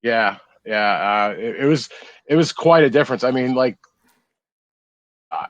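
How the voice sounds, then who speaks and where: Male co-host, medium pitch, dry close sound, laid-back and profane. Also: lively intonation, unhurried, no room sound, muffled recording. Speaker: podcast co-host. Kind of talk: casual chat.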